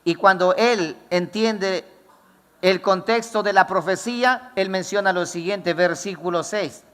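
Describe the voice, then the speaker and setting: Pastor guy preaching hard, high bright voice, big echoey church hall. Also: unhurried, clean tone. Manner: fervent, emphatic preaching. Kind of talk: sermon. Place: church with congregation.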